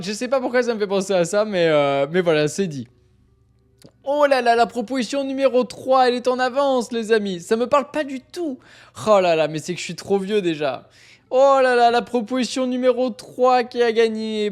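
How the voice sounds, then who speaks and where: A man's voice: very high-pitched, moderate pace. A man hosting a live stream, chatting casually and playfully, often laughing as he reads out suggestions. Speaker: livestream host.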